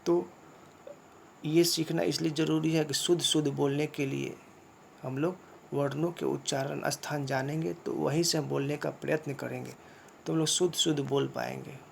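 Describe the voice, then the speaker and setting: A man teaching a grammar lesson, explaining slowly and repeating points, often asking a question and then answering it himself. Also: on the high side, steady tone, gravelly, slight background noise. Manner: slow, repetitive explaining with rhetorical questions. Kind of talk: classroom lesson.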